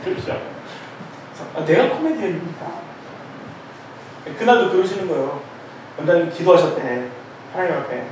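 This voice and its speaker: A middle-aged man preaching an informal sermon at a prayer meeting, telling jokes and stories in an animated way and calling himself loud. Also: on the high side, moderate pace, pauses often. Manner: animated, joking storytelling, calls himself loud. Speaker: pastor. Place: church sanctuary. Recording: echoey church hall, distant mic, faint noise.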